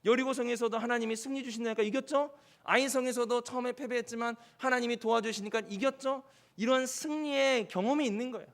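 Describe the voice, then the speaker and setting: A male pastor preaching an evening sermon, animated, acting out quoted speech and leading the congregation in reading aloud. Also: extremely high pitch, fast talker.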